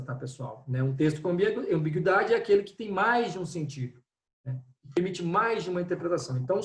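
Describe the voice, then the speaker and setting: A man teaching an online Portuguese class who explains step by step and often checks in with his students. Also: sits high. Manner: explanatory, repeats "né?" and "pessoal". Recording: echoey room, distant from mic.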